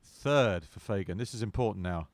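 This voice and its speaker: A man's voice: lowish voice, animated, normal speed, a little hiss or hum. A man giving wry golf commentary with dry, playful understatement.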